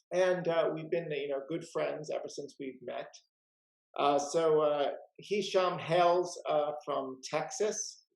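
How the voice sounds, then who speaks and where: A man with a gravelly, slightly high voice hosts a casual chat over a video call. He rambles in a friendly way, with plenty of "uh" and "you know". The sound carries an echoey room. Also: darkish tone. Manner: chatty, many "uh" and "you know" fillers. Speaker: rare book dealer and host.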